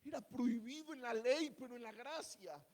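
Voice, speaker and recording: Brief: male pastor preaching, high voice, repeats phrases, asks the congregation questions. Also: normal speed, darkish tone. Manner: repetitive, rhetorical questions to the congregation. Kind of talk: sermon. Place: church, standing before a congregation.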